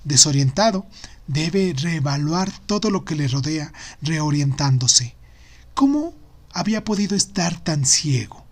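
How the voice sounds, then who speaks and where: A man narrates literary fiction in a somewhat high male voice. His delivery is that of an expressive audiobook reader, following the prose of a first-person story. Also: measured pace.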